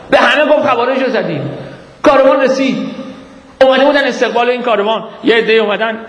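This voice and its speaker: High-voiced man preaching in an echoey hall. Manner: dramatic storytelling, voicing quoted speakers. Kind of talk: religious storytelling sermon.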